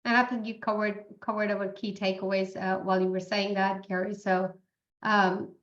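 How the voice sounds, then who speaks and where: A woman's voice: medium pitch, level tone, normal speed. Hesitant woman on a dull video call. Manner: hesitant, many fillers and restarts. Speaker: guest speaker. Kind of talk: webinar presentation.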